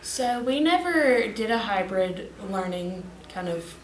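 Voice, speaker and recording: A woman's voice: medium pitch, animated, slow, far from the mic, background noise. Chatty teen girl student, heard from off-mic in an echoey room. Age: teens. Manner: chatty, laughs between thoughts. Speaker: graduating student, class historian.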